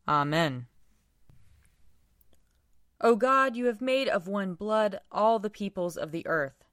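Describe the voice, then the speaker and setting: A woman worship leader reading scripture and prayers aloud in a solemn, measured, formal way. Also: fairly low pitch, a bit bright, no echo, studio quality. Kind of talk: liturgical reading and recited prayer.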